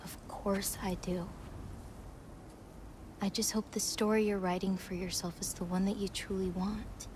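A woman's voice: medium pitch, flat delivery, a little slow, long pauses, noisy background, lightly acted. A woman playing Angrboda, a playful, caring teenage giantess in a fantasy video game. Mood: tender concern. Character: teasing, caring teenage giantess girl of Norse myth. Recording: game ambience behind the voice.

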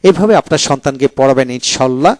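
A man teaching English pronunciation, with a Bangladeshi accent, reading each word slowly and repeating it for learners to copy. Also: mid-range voice, lively intonation, a little mellow, no echo. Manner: slow, careful repetition of each word. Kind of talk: pronunciation drill, reading words twice.

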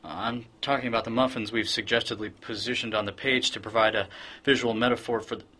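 A man's voice: lowish voice, fairly even intonation, quick pace, bright, forceful tone, husky. A man playing a nervous ad designer who stammers and restarts when flustered. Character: nervous young male ad designer.

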